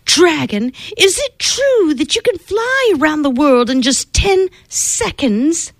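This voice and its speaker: A woman voicing a clever, spirited young princess in a storybook reading, gushing and flattering. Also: high voice, slow, dry recording, clean studio sound, pitched above the performer's own voice, exaggerated voice.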